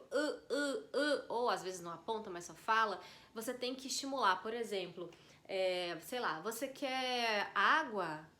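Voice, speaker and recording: A woman talks straight to her viewers in a relaxed vlog. Her voice is bright and clear, set at an ordinary pitch for a woman. She chats easily and keeps checking in with her listeners. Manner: chatty, addresses viewers directly with frequent tag questions. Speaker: vlogger answering viewer questions. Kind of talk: casual advice chat to camera.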